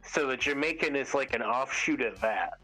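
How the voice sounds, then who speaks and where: A man playing a character in a tabletop game, relaxed and joking. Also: mid-range voice, normal speed, rough recording. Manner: laid-back, joking. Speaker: player.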